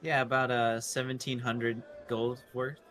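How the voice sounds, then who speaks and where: A man of middling pitch plays a tabletop role-playing game, casually voicing and describing his character. Soft music sits behind him. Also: flat delivery, a little slow.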